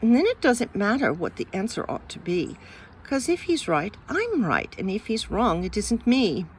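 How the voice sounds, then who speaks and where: A woman reading children's poems aloud in an expressive, sing-song way. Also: mid-range voice, normal speed, slight background noise, poor audio. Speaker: reader.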